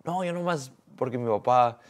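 A man in his twenties, speaking haltingly in a casual interview and often checking whether he is understood. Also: mid-range voice. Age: 20s. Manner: halting, searching for words, often asks "you understand?". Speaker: guest, son of the boxer.

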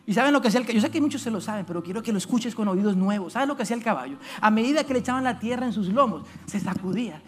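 A man's voice: high-pitched, lively intonation, racing, hardly any pauses. A man preaching a sermon as minister, telling stories with acted-out voices and asking the congregation questions.

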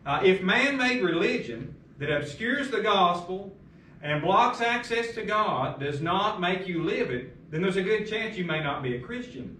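A middle-aged male pastor preaches from a lectern, firing off emphatic rhetorical questions in a high-sitting, bright, forceful voice with lively intonation and an unhurried pace. A distant camera captures him in a large carpeted church room that echoes, with slight background noise.

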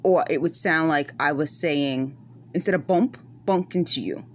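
A middle-aged Bronx woman with a low voice and a New York accent carrying West Indian traces talks at a moderate pace into her phone camera, held close up in a dim room at night. She vlogs a casual monologue, earnest and insistent, explaining in circles, with a little hiss or hum audible.

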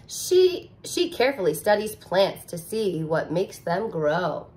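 Speaking in a lowish voice at a slow pace, a teacher in her thirties reads a picture book aloud to little children with expressive, sing-song energy. The camera is close by, and she's indoors in a living room with a couch.

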